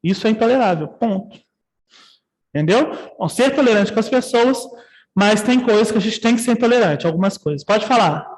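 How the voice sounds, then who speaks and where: A man's voice: high voice, expressive, a little fast, in a large hall, rough recording. A man with a Brazilian Portuguese accent teaching a nursing ethics class online, talking conversationally and often checking in with his students.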